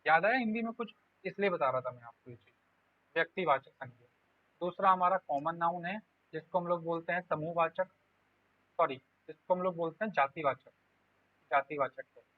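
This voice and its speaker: A man's voice: a little high, moderate pace, dry recording. A man teaching an exam-prep grammar lesson, explaining step by step and voicing his students' questions. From India. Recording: tinny phone-like audio, dry.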